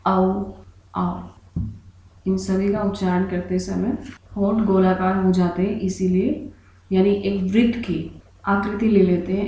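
A woman's voice: mid-range voice, mellow. A woman teaching a grammar lesson for exam preparation, explaining patiently and spelling out each example. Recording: very echoey room.

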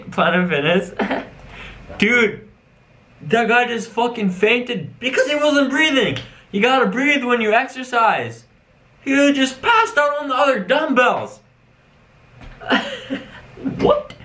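A man's voice: extremely high pitch, sharp tone, slight background noise, rough recording. A young man in a small room, casually reacting to clips on webcam, laughing a lot and exclaiming in disbelief. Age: young adult. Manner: keeps exclaiming "what?" with frequent laughter.

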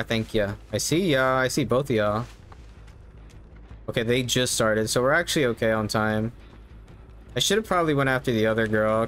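A man's voice: medium pitch, a bit bright. A man in his thirties giving casual live gameplay commentary, easygoing and musing to himself as he plays. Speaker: game streamer. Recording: clear background game noise. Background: game ambience.

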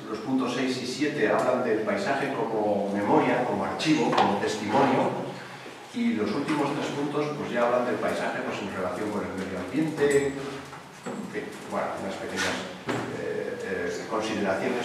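An older man with a Spanish accent from Spain delivers a lecture, his voice congested by a cold. He hesitates and corrects himself. He is heard from a distance in a heavily reverberant room, with clear background noise. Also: medium pitch. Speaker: lecturer, university professor. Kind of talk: public lecture. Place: small stone-walled lecture room, seated at a desk. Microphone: distant camera microphone. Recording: echoey, noisy hall from far off.

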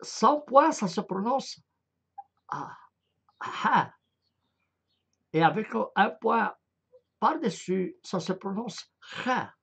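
A man's voice: high-pitched, animated, slow, creaky, a bit bright, husky. A man giving an explanatory lecture on a writing system, hesitant and full of filler sounds, spelling out letter sounds one at a time. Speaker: lecturer on Arabic script. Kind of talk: slow explanatory online lecture.

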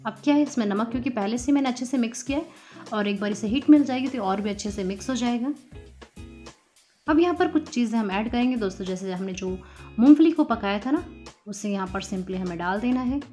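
A woman's voice: a little high, lively intonation, fairly quick, mellow. Chatty woman cooking host, music behind. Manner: chatty, addresses viewers as friends. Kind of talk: home cooking tutorial voice-over.

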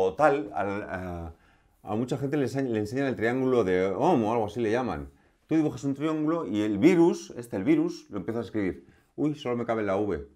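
Man, electronics teacher, chatty and playful, lowish voice, lesson recorded at a board. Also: a little mellow. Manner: chatty, asks rhetorical questions, playful asides.

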